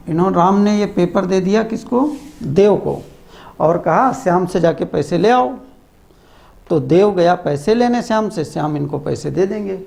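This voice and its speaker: A man's voice: sits high, creaky, a little mellow. A man teaching a commerce lesson, who repeats key terms and quizzes the listener. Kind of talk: classroom lecture.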